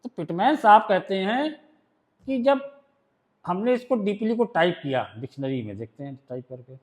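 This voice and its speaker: Indian man, shorthand teacher, fairly high voice, reads rules out slowly, then explains them patiently. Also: animated, a little mellow. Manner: explains step by step, often checks if students understood. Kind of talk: classroom lesson.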